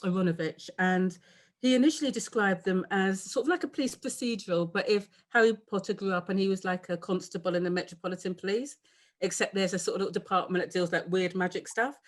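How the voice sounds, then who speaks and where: A woman's voice: mid-range voice, fast. Chatty woman with a London accent. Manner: chatty, laughs often, trails off mid-sentence. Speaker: author guest. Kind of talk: casual interview chat.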